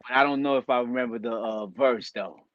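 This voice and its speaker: A man from Liberia talks easily as a guest on an interview, leaning on "you know what I mean" as he goes. The sound is dry with no room around it and a little muffled in the top end. His pitch sits in an ordinary middle range. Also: fairly even intonation, brisk, no room sound. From Liberia, West Africa. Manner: laid-back, conversational, says "you know what I mean" a lot. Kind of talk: casual interview talk.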